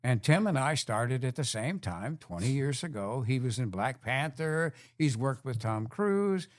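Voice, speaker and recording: A man's voice: medium pitch, lively intonation, measured pace. A man, an actor guest in a casual interview, earnest with a joking side.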